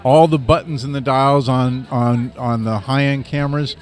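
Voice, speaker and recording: A man's voice: medium pitch, steady tone, normal speed. Man hosting, leaning on tag questions. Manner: ends points with leading tag questions. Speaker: interview host. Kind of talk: casual interview.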